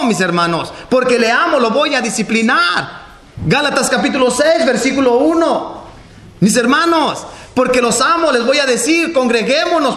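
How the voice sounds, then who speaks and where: A man preaching a sermon with impassioned delivery, often dropping low and quiet at the ends of phrases. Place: church hall. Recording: echoey church hall, faint background noise.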